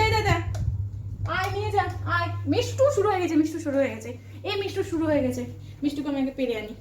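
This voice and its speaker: High, lively woman coaxing her parrots. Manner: coaxing, sing-song baby talk to birds. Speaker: pet vlogger. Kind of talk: casual home video with pet parrots. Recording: echoey room, faint noise.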